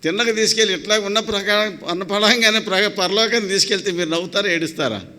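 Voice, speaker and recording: A man's voice: high voice, fast, pushed and bright. A man preaching a sermon in a prayer house, asking the congregation questions and mixing in English phrases. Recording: long hall reverb.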